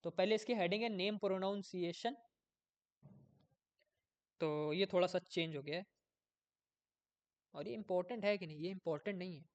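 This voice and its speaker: A man's voice: high voice, normal speed, pauses often, dull audio. A man giving a casual coding tutorial, thinking aloud as he works, often losing his place and checking in with viewers.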